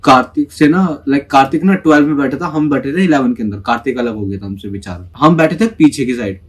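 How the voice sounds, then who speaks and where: A young man telling a school story in a casual, chatty way, full of fillers and quick acted-out quotes. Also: mid-range voice, slightly rough. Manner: chatty, many fillers, acts out quoted voices.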